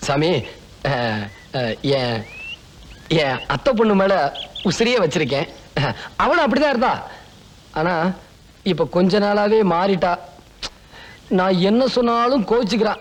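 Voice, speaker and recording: A man's voice: sits high, lively intonation, unhurried, long pauses. A man playing a gullible, lovesick village landlord in a film comedy, speaking earnestly and pleadingly. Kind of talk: Tamil film comedy acting.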